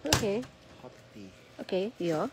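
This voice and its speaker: A woman's voice: medium pitch, animated, slow pace, heavy background noise. A woman chatting casually as she walks hotel grounds at night, laughing often and slipping Japanese words in, out of breath from the cold. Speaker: travel vlogger. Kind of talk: casual walking vlog narration.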